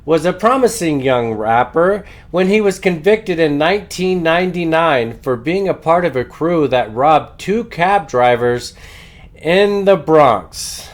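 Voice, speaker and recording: Male political host, slightly high-pitched, unhurried, stuffed up with a head cold, halting news commentary with plenty of uhs. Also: lively intonation.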